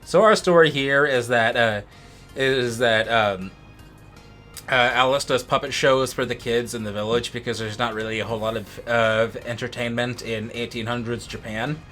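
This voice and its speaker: An American man co-hosts a let's play, his casual, rambling gaming commentary often restarting mid-phrase. His mid-range voice is steady and fairly bright, moving at a normal speed over soft background music.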